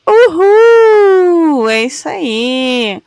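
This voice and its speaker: A woman hosting a react channel chats affectionately with her viewers while she has a cold, her delivery slow and drawn-out. Her voice is very high-pitched and sing-song, with background noise present.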